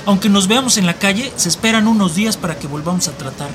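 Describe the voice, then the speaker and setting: A radio drama actor plays a hard-nosed, menacing Mexican migrant smuggler who barks bossy street slang in a northern Mexican accent. The male voice is high-pitched, fast and natural, with a threatening mood.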